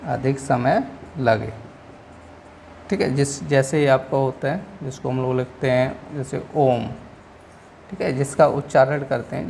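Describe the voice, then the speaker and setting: A male teacher with a gravelly, slightly rough voice walks through exam answers in a patient, repetitive way. He keeps pausing to check in with his students before moving on. A faint hiss sits behind him. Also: a little high, darkish tone. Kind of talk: explaining exam answers in a lesson.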